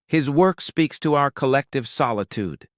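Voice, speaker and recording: A man plays a salesy gallery owner in a medium-pitched voice with lively intonation and a moderate pace, set slightly above his natural voice but still close to everyday speech. The recording is dry, with clean studio sound.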